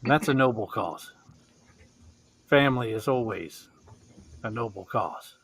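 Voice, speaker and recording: Guy doing a fake old man voice, tired and kindly, earnest, measured, tabletop rpg character. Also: medium pitch, expressive, vocal fry, fairly bright tone, slightly rough, heavily acted. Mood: solemn, kindly. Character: weary, kindly older man, aged by lost life force. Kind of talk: tabletop role-play.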